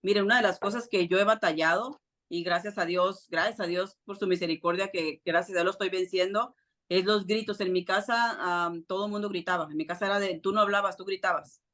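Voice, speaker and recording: Woman church teacher, mother, earnest testimony style, mid pitch. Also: steady tone, brisk, a bit bright. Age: adult with children. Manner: earnest, personal testimony with frequent fillers and restarts. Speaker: preacher.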